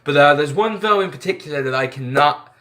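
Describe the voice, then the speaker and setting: Chatty young man with a high voice. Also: expressive, fairly quick, fairly bright tone. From Ireland. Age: young adult. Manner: chatty, lots of fillers and restarts. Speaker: film vlogger. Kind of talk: casual film retrospective.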